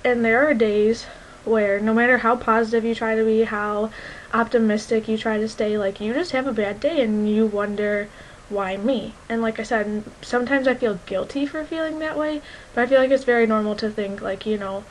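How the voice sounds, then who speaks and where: A woman's voice: on the high side, fairly even intonation, normal speed, a little hiss or hum, low-quality recording. Earnest young woman, reflective vlog. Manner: reflective, earnest, many fillers like "like" and "um". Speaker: vlogger. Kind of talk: candid personal vlog.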